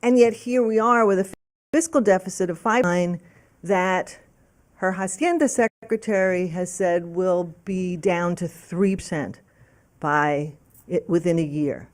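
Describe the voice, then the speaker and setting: A woman's voice: lowish voice, unhurried. A woman panelist speaking analytically and with emphasis in a panel discussion.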